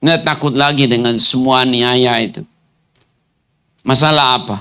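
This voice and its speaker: A male pastor preaching a sermon to his congregation, firing off rhetorical questions and rising into commanding, almost shouted lines. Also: mid-range voice. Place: church hall.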